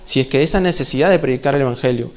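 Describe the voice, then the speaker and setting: A man's voice: mid-range voice, racing, darkish tone. A man preaching a sermon in a church, conversational, full of rhetorical questions and playful asides.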